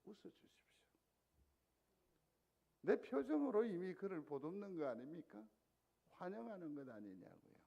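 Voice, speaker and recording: A man's voice: high-pitched, very animated, moderate pace, creaky, dark tone, highs cut off. A male pastor preaching a Sunday sermon in a conversational way, often asking the congregation questions. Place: church sanctuary.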